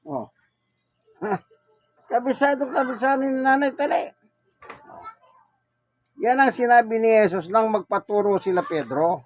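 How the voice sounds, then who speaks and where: A man's voice: very high-pitched, fairly even intonation, a little slow, long pauses. A man with a Filipino accent gives a Bible sermon to a neighborhood crowd, often asking questions and answering them himself. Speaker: preacher. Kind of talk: street Bible preaching. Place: neighborhood gathering in Manila.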